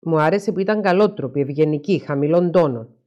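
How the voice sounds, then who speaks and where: A woman's voice: sits low, a little mellow, close to an everyday voice. A woman voicing a troubled young husband who talks in a plain, confiding and hurt way. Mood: explaining.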